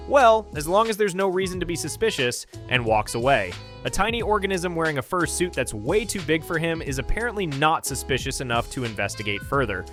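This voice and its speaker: A man's voice: mid-range voice, a bit bright. A man narrating a scripted cartoon breakdown with a sarcastic, incredulous tone.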